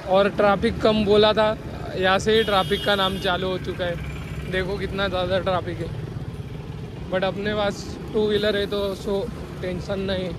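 A young man with a high, level, slightly hoarse voice, dry from dust, narrates a friendly motovlog at a moderate pace, calling viewers guys and brother. He rides outdoors through busy city streets, and the noisy recording is full of traffic and motorcycle engine sound.

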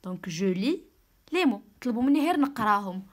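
A woman with a Moroccan accent giving an online French reading lesson, slowly spelling out sounds and explaining in Darija. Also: medium pitch, big pitch swings. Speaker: French teacher.

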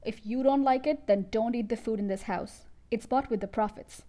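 A woman reading a storybook aloud, voicing a boastful, crooked car-dealer father who talks loudly and emphatically. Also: fairly high pitch, normal speed, lightly acted. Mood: angry. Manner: loud, bragging, emphatic.

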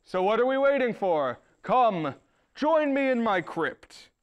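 A man playing a theatrical undead dark lord, a horror host count introducing his show in a grandiose, archly ominous manner. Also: extremely high pitch, sing-song, slow, clear, resonant tone, highs cut off, full character voice. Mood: beckoning.

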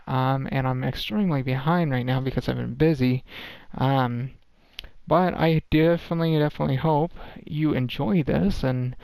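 A man's voice: a little high, vocal fry, darkish tone, clean tone, no room sound. A tired man giving a casual, rambling game development update, full of ums and restarts. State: tired, worn-out voice.

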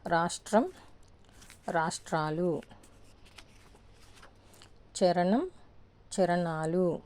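A woman gives a grammar lesson at a very slow, deliberate pace. Her voice is mellow and a little low, and she says each word pair twice. She asks her own questions and then answers them. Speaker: teacher.

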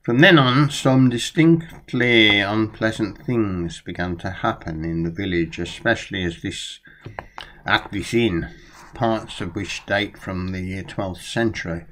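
A man's voice: on the low side, a little slow, fairly bright tone. An older man at home talking about a book and reading from it aloud with storyteller relish, recorded on a close-up webcam. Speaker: vlogger reviewing a book. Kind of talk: casual talk and reading aloud. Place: small room at home, indoors.

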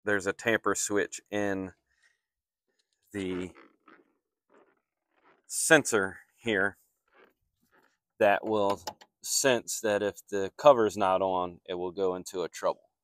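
Filmed on a handheld phone, a man working as an HVAC technician walks through a repair on a flat commercial rooftop, matter-of-fact and step by step. His low voice stays steady at a slow pace with long pauses, recorded at studio quality with no room sound.

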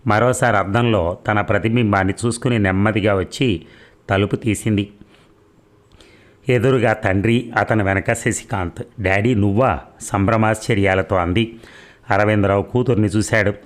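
Low-voiced man reading a novel aloud. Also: steady tone, moderate pace. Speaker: narrator.

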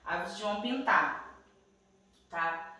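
A woman's voice: medium pitch, slow pace, pushed and bright, heavy reverb, far from the mic, low-quality recording. A woman teacher with a Brazilian Portuguese accent reading a worksheet to young pupils, patiently checking in after each step. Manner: refers to herself as "tia [name]". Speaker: primary school teacher.

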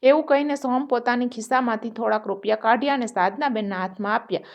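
Woman, storyteller, scripted narration, fairly high pitch, even delivery. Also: fast, gravelly, highs cut off.

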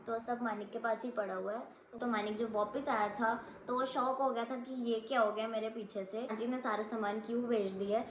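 A woman's voice: a little high, fairly even intonation, a little fast, few pauses, slight background noise. A young woman telling a vlog story in a casual, subdued tone. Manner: soft and subdued while recounting, sharp when arguing. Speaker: vlogger. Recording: echoey room with faint ambience.

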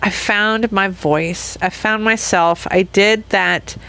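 A woman's voice: mid-range voice, fairly even intonation, takes it slowly, sharp tone, smooth. A woman in her fifties hosting her own podcast in a loose, candid solo chat that rambles with frequent laughs and restarts. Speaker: podcast host.

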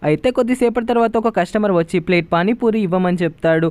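A man narrating a short story video, retelling the scene quickly and voicing each person's lines in quotes. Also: sits high, darkish tone, dry recording. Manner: fast retelling that voices the dialogue in quotes.

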